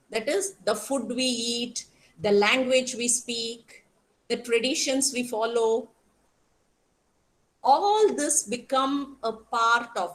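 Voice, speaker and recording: A woman from Karnataka with a strong South Indian accent, teaching an interactive online class, explaining haltingly and putting questions to students. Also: a little high, poor audio. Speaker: college teacher.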